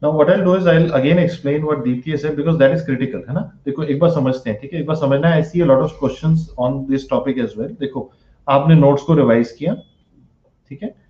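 A man's voice: on the high side, racing, warm tone. A man with an Indian accent lecturing exam students, repeating his points and often checking that they follow. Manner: repeats points, checks understanding with tag questions. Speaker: teacher advising exam students. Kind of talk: explanatory lecture mixing Hindi and English. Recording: echoey room, dull lo-fi audio.

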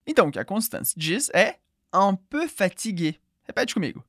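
A woman teaching a podcast language lesson, patiently repeating words slowly for listeners to echo. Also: medium pitch, big pitch swings, a bit bright, studio quality.

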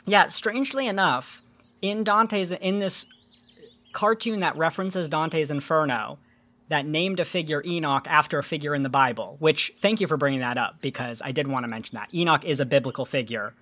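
A woman hosting a casual podcast, explaining myths and folklore in an animated, joking way with some swearing. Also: low-pitched, moderate pace. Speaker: podcast host.

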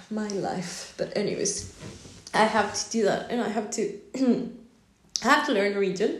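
A woman's voice: fairly high pitch, gravelly, roomy sound. A woman talking casually on her own into a phone on a stand, rambling with lots of fillers and laughs. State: yawning, drowsy. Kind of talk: casual solo talk.

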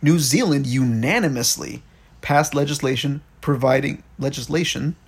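A man's voice: mid-range voice, moderate pace, slightly rough. A man co-hosting an informal chat, reading out items and commenting in slangy, loose language. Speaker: podcast co-host.

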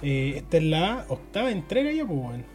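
A young man with a Chilean accent co-hosts a podcast, his slightly high voice very animated at a normal speed. The chat is loose, slangy, and full of jokes, with faint music behind it.

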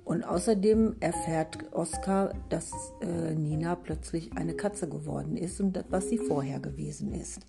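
A woman's voice: deep voice, measured pace, vocal fry, hardly any pauses. A woman author introducing her story and talking reflectively about fantasy and boredom. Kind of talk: casual spoken introduction and comment. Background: guitar music.

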